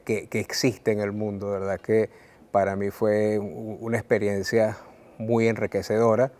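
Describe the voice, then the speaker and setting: A Venezuelan man, a writer, speaking earnestly and reflectively to the viewer about his life, with frequent "eh" pauses and repeated words. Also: fairly low pitch, darkish tone. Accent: Venezuelan Spanish. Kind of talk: reflective personal talk to camera.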